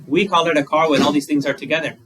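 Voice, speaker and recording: Talking fast in a fairly high, fairly even voice with a bit of brightness, a male Buddhist monk offers a conversational dharma talk. He leans on simple examples and rhetorical questions. The recording has a far-off mic and faint room noise.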